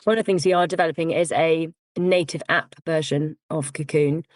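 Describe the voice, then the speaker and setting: A woman, a firm founder, explaining things in a measured way on a podcast with frequent "um" and "you know". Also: deep voice, steady tone, dry recording. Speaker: cyber security firm founder, guest. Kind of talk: podcast interview.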